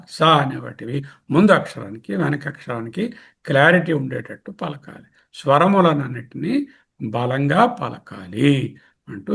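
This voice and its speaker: A man lecturing on scripture in a slow, unhurried way, with a gravelly, husky edge to a fairly high voice. He explains each term patiently and repeats key words. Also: fairly bright tone. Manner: patient, explains terms one by one with repetition. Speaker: teacher of scripture.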